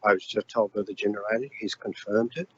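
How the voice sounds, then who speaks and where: A man chairing a council meeting as mayor, firm and procedural, with halting phrasing. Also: lowish voice, steady tone, breathy edge. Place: council chamber. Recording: dull lo-fi meeting recording.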